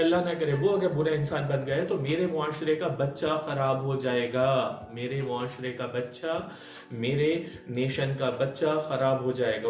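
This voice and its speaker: Earnest man with a higher voice, echoey. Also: a little mellow. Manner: repeats key lines for emphasis, rhetorical questions. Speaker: motivational speaker. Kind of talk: earnest parenting talk. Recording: echoey room with faint music.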